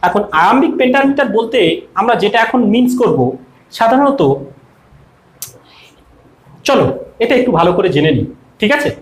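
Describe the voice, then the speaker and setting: Lively high-voiced Bengali teacher. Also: male voice. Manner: lively, sing-song, drawn-out recitation. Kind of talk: explaining a poem to students. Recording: echoey room.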